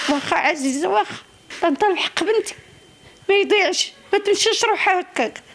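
Older woman, Moroccan accent, tearful and pleading, extremely high voice, repeats her phrases. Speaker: bereaved mother interviewed. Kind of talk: emotional plea to camera. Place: small living room indoors. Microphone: handheld reporter's microphone.

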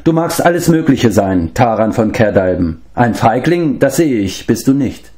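A man reading an audiobook, voicing a noble adult male prince and war leader who speaks in a measured, commanding way. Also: medium pitch, expressive, darkish tone, voice pushed up, natural voice.

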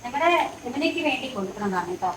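A woman's voice: on the high side, lively intonation, rapid-fire, fairly bright tone. Woman vlogging from an echoey cow shed. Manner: coos fondly to a cow, then explains to viewers. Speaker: dairy farm vlogger. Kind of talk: casual farm vlog chat. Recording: echoey, mic far off, noisy farm.

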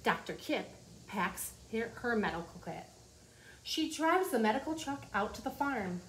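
A woman in her forties, her voice a little high and a bit bright, reads unhurriedly and very animatedly. She's going through a children's nonfiction book like a teacher in a small office, explaining simply for young listeners. The recording has clearly noisy room ambience.

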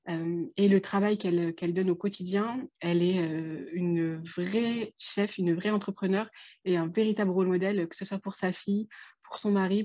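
Young female co-founder presenting, mid-pitched voice, dry and slightly dull video-call sound. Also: a little mellow, no room sound. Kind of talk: semi-prepared presentation.

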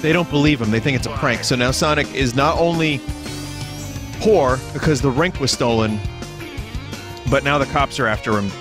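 A man's voice: medium pitch, normal speed, long pauses. A man doing casual, joking commentary on games as a streamer, amused and sweary. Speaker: game streamer. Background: game music.

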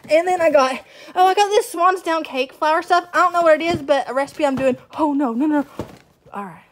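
A young woman talks through her groceries in a high, bubbly voice, full of happy asides and little jokes at her own expense. She films on her phone at home. Plastic bags crinkle and rustle loudly behind her words. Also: a little fast, slight background noise. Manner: chatty, excitable, self-mocking asides. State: out of breath. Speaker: stay-at-home mom vlogger. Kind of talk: casual grocery haul chat. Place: home kitchen.

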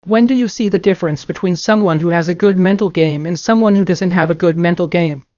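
An older man lectures a bowling class in an emphatic way, repeating his points and answering his own questions. His voice sits a little high for a man. The sound is dry and dull, like a lo-fi recording of a classroom. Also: fairly quick, darkish tone, dry recording. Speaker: bowling coach. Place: classroom with a projector screen.

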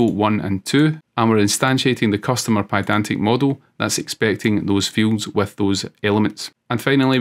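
A young man hosting a coding tutorial, explaining each step steadily while recording his screen at a desk. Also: mid-range voice. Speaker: programming tutorial host.

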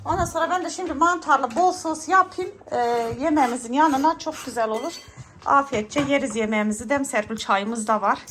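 A woman hosting a casual home vlog, chatting in her kitchen while she cooks, laughing often and telling stories loudly. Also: sits high, a little fast, a little hiss or hum. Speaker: vlog host.

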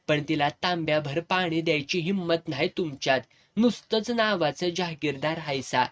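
A man's voice: a little high, a bit bright, natural voice. A man voicing a fierce, defiant village woman in a serialized audiobook, speaking rural Satara Marathi dialect in harsh, commanding bursts. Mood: scolding. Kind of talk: audiobook character voice.

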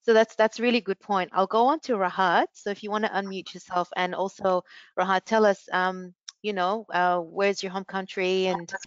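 Woman, video call host, dry close sound, smooth tone, chatty fillers. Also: medium pitch, fairly even intonation, moderate pace, no room sound, highs cut off. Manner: friendly, lots of fillers like you know. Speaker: university staff host of student session. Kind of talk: hosting a video call panel.

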